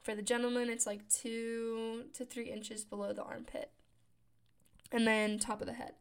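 A podcast host in her late twenties chats casually about her routines in a slightly high, clear, resonant voice that stays fairly flat in pitch and moves at a normal speed. She sounds scratchy from just waking up, and she keeps correcting herself and laughing.

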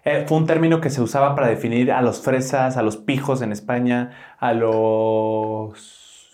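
A man's voice: medium pitch, fairly even intonation, unhurried, a little mellow. A young man with a Mexican accent co-hosting a casual podcast, talking in loose slang and swearing casually. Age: young adult. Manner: slangy, swears casually, says "güey" often. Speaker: podcast co-host.

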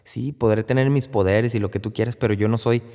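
A man's voice: mid-range voice, fairly even intonation, a little fast, dark tone, natural voice. A man voicing a flustered ancient king who protests that he cannot heal, asking exasperated questions. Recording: long hall reverb.

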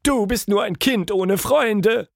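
A bitter, easily enraged woman , as a male narrator puts her on, speaks in a strained, high register. Her voice has a gravelly crackle and snaps off each phrase sharply. The sound is close and dry, with no room around it. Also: measured pace, no room sound, full character voice. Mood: furious. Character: grumpy furious grown woman, shut-in. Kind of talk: storybook character voice.

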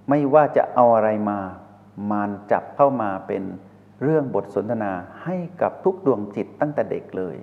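A man giving a slow, measured dharma talk as a spiritual teacher, posing rhetorical questions to listeners. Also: lowish voice, creaky. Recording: reverberant hall over a tinny phone-like line.

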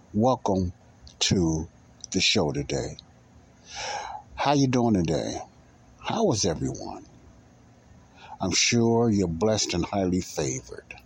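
A man with a deep, rough-edged voice hosts a faith talk podcast. He talks casually and loosely, circling back to repeat his phrases for emphasis. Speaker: podcast host.

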